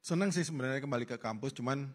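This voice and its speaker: A man in his fifties speaking as a guest on a campus stage panel, talking in a halting way with fillers and restarts. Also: medium pitch. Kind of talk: casual panel talk.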